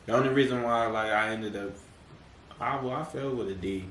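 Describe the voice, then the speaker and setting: A man's voice: on the low side, fairly quick, fairly bright tone. Laid-back man in an echoey room. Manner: laid-back slang, many fillers, laughs often. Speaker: podcast guest. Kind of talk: casual chat. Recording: echoey room, mic at a distance, faint noise.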